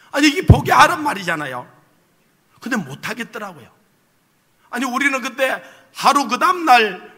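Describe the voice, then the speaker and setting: A male pastor with a high, intensely bright and somewhat husky voice preaches in a large church hall, his words trailing off into a long reverb. He tells his story with humor and keeps asking the congregation rhetorical questions. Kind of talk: sermon with personal testimony.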